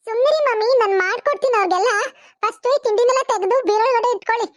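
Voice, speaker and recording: A woman voicing a bossy married daughter visiting her mother in a cartoon, speaking briskly. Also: very high-pitched, dry recording, studio quality. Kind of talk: animated cartoon voice acting.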